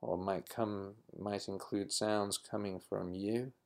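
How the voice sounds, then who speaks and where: Man, mindfulness guide, very slow calm delivery, gravelly. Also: fairly low pitch. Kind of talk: guided meditation.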